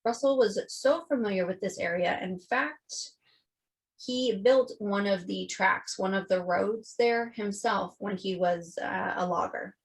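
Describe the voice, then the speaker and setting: A woman co-hosting a podcast, walking through a true-crime case in loose, chatty storytelling. She swears casually and slips into quoted voices as she goes. Her voice sits at a middle pitch for a woman. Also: measured pace. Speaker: podcast co-host.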